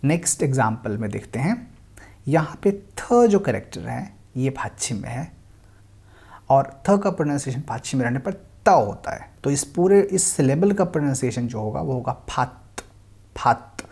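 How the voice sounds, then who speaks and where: Husky-voiced male language teacher. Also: mid-range voice, very animated, mellow. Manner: patient, repeats example words slowly; mixes English phrases into Hindi speech. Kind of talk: explanatory lesson.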